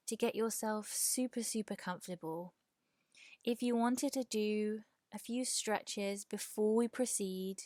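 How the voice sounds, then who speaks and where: A woman with an English accent, a yoga teacher leading a guided meditation in a slow, soothing way, with soft breathy words. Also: medium pitch, no echo, studio quality.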